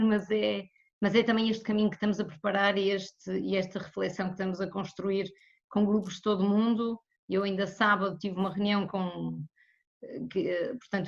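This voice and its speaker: A woman with a European Portuguese accent, answering as a guest in an interview about economics in a measured way. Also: mid-range voice. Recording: slightly muffled lo-fi audio.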